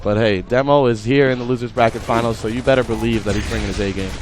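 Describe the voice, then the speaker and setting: Give me a fast-talking young man doing steady color commentary for a gaming tournament. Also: mid-range voice, background noise. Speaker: esports commentator.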